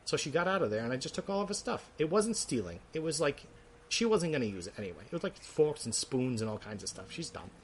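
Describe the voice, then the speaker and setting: A man's voice: medium pitch, very animated, fast talker, a little hiss or hum, lightly acted. A man voicing a chatty, rambling old male brass dragon who is fussy and easily offended.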